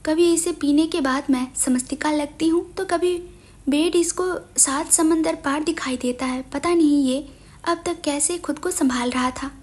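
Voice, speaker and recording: A caring young woman with a soft, coaxing, soothing way of talking, read by a woman narrator. Her high voice fits a romance audio story. She comes across as patient and teasing. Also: measured pace.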